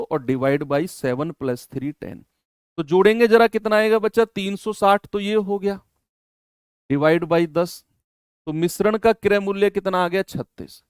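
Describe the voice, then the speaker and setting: Man, online maths teacher, smooth resonant voice, dry close recording. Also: no room sound. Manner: lively teacher, asks the class questions and answers them himself; drops to low, quiet complaining when scolding students. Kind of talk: live online maths class.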